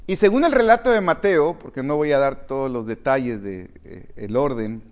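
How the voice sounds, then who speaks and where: A man preaching a sermon to his congregation, addressing them directly and swinging from quiet reflection to loud, emphatic calls. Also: mid-range voice, expressive, moderate pace. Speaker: pastor.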